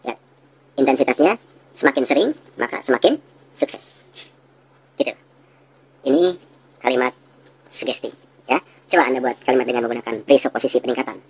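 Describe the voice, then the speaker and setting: A woman instructor giving a recorded lesson, explaining quickly and acting out short sales dialogues in a raised voice. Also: a little mellow, breathy edge, rough recording. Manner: fast explanatory talk, acts out sales dialogue in high voice. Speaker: NLP instructor.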